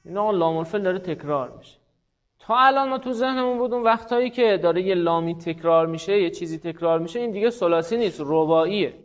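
Man, teacher, high voice, patient step-by-step explaining, dull lo-fi classroom recording. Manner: explains step by step, repeats forms slowly, quizzes students by name. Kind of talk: classroom grammar lesson.

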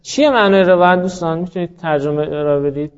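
A man's voice: a little high, smooth. A man teaching a grammar class, explaining patiently, quizzing his students and drawing out the words he quotes. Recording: muffled lo-fi classroom recording.

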